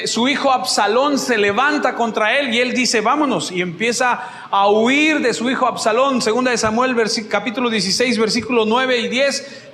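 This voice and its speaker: A man preaching a sermon as pastor, telling Bible stories with lively energy and acting out the scenes. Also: extremely high pitch, echoey room, long reverb tail. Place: church.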